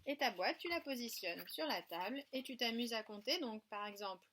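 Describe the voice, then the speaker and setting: A woman teaching a remote preschool lesson in a French accent, sounding out syllables clearly and praising the children gently. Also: on the high side, lively intonation, brisk, slight background noise. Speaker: kindergarten teacher.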